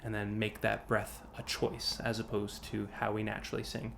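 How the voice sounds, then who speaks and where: A man's voice: on the low side, completely flat delivery, normal speed, vocal fry, a bit bright, slight background noise. A man teaching an online singing workshop, explaining breath support, with loose, rambling phrasing full of restarts. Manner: demonstrates sighs and sung examples. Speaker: vocal coach. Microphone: video call.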